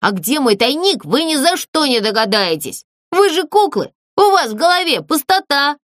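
Woman doing a fussy male ghost for a storybook, lively pitch, dry sound. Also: moderate pace, no room sound. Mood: sulky. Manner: prim, sulky, self-justifying. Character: touchy, secretive male theatre ghost.

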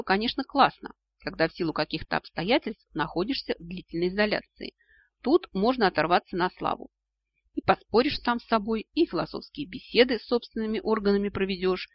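Male audiobook reader, high husky voice, ironic delivery, dull dry recording. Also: dry recording. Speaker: audiobook narrator. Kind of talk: scripted narration of a novel.

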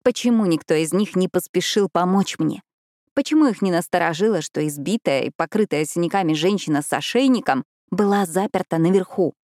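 A woman narrating a first-person story in a steady, even reading voice. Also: lowish voice, fairly quick, no room sound, clean studio sound. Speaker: audiobook narrator.

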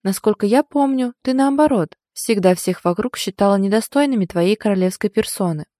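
A woman voicing a teasing, excitable young female best friend in an audiobook, talking loud and high with lots of exclamations. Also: a little fast, no room sound, studio quality, natural voice. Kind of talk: audiobook character voice.

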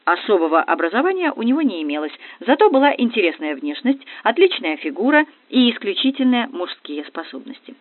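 Hot-tempered stout colonel, put on by an audiobook reader, bellowing commands, high and loud, tinny dry audio. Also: sing-song, a little fast, hardly any pauses, no echo. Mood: calm. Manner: barking orders.

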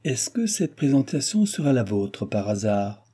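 A man's voice: medium pitch, sing-song, a little slow, warm tone, husky. A man voicing a sly old duke at court, speaking with teasing irony. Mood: wry. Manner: teasing, ironic.

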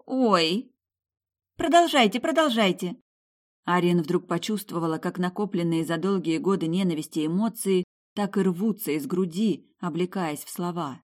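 A woman in scripted narration, reading a fantasy novel in an even storytelling manner. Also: lowish voice, moderate pace. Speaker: audiobook narrator.

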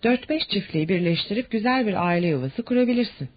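A reader doing a sneering officer who taunts with a raised, sing-song voice. The husky tone sits on a dull, lo-fi audiobook track. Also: medium pitch, animated, quick pace, no room sound, voice pushed up, close to an everyday voice. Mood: mocking. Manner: teasing, mocking. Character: mocking male army officer, sarcastic.

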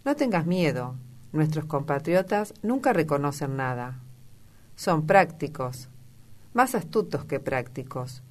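A woman's voice: low-pitched, very animated, a little mellow. Woman reading a witty English lord. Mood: dryly ironic. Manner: ironic, epigrammatic, unhurried. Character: witty, languid English aristocrat man, middle-aged.

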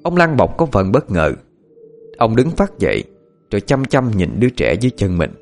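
Male audiobook narrator for a ghost tale, low voice, lively delivery, faint music underneath. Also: normal speed. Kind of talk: dramatic audiobook storytelling.

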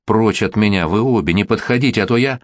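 A man's voice: on the low side, quick pace, dry recording, studio quality, lightly acted. A man voicing a desperate, cornered middle-aged father in a read-aloud story, ragged and strained.

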